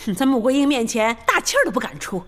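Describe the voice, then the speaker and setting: An actress playing a sharp-tongued sister-in-law who mocks the timid husband. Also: female voice, on the high side, very animated, fast. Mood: mocking. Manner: mocking.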